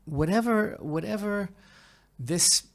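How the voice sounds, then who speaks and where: Animated and gravelly, his high-pitched voice carries conversational opinion commentary on the podcast he hosts. He's halting and emphatic, repeating phrases and regularly turning to the listener.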